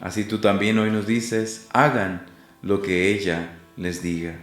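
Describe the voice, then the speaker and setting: A man leading a slow, devotional prayer that drifts into half-singing. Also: on the low side, little pitch movement, a bit bright. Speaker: prayer leader. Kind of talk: slow sung prayer over guitar. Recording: roomy with guitar music. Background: guitar music.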